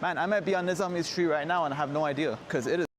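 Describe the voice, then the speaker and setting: Talking very fast in a slightly high voice, a man leads a relaxed, chatty walking tour as a travel vlogger. He is outside on a city street, surrounded by traffic and street noise.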